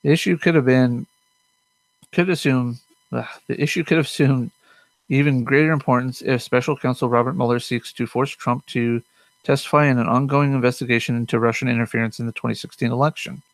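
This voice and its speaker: Young male host, gravelly, dry close sound, casual rambling political commentary from his home desk. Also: mid-range voice, steady tone, fairly quick, dry recording. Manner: rambling, many fillers and self-corrections; mutters to himself.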